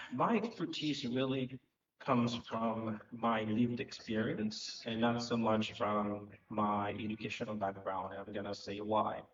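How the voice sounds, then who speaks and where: A man's voice: mid-range voice, a little hiss or hum. Earnest man in an echoey hall. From Haiti. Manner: earnest, reflective, with frequent filler pauses. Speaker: panel speaker, economic development director. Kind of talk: conference panel talk. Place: conference hall at a live event. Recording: echoey, distant, muffled hall recording.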